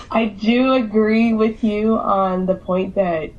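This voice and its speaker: A woman who coaches people through divorce, speaking with a hoarse voice in slow, hesitant casual talk. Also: mid-range voice, steady tone, noisy background. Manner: slow, hesitant, many fillers. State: hoarse from recovering illness. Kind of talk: casual discussion. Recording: muffled lo-fi audio.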